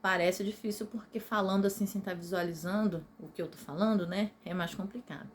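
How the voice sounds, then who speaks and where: A woman's voice: mid-range voice, fairly even intonation, brisk, slight background noise. Patient Brazilian woman teaching a video lesson. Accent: Brazilian Portuguese. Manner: patient, explanatory, often checks in with "tá?".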